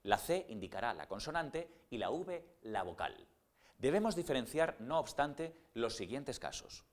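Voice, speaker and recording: A man explaining grammar rules step by step in a scripted lesson narration, with slow, spelled-out example words. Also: medium pitch, big pitch swings. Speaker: grammar teacher.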